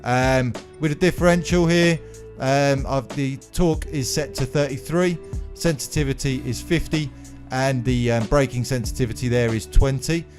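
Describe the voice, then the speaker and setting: A man's voice: medium pitch, fairly even intonation, moderate pace, darkish tone. A man hosting a gaming tutorial voice-over in a casual way, his speech slightly numb-mouthed as if after dental anaesthetic. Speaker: video game channel host. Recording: music playing behind the voice. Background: music.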